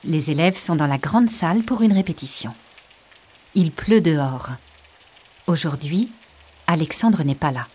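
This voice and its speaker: A woman narrating a learner's storybook in a slow, clear, evenly articulated way. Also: sits low. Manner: slow, even and carefully articulated. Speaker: audiobook narrator.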